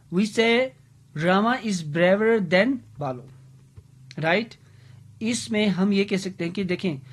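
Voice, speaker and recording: A woman giving a grammar lecture, patiently drilling words by repeating them aloud syllable by syllable, checking in with "right?" and correcting herself as she goes. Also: fairly low pitch. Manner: corrects herself mid-sentence. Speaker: English grammar teacher.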